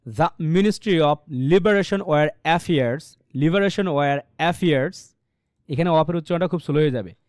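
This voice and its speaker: A man with a fairly high voice leads an online English lesson, speaking patiently and drawing out example phrases slowly to show the stress. His voice comes through a computer microphone on a video call, with a dry, close sound. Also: a little mellow, no room sound. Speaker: English teacher. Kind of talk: online class instruction. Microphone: computer mic on a video call.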